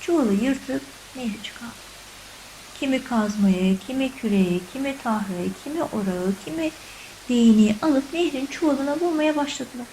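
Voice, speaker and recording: A woman reading a children's story aloud, with a clearly high voice. Her storytelling is expressive but measured. A faint hiss sits under the recording. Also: poor audio. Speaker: narrator.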